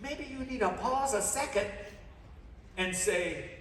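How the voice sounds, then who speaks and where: A man's voice: high voice, takes it slowly, fairly bright tone. A man preaching a sermon as guest pastor, mixing stories with playful asides and calling on the congregation to answer back aloud. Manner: calls on the congregation to respond aloud. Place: church sanctuary. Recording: echoey church hall, distant mic, background noise.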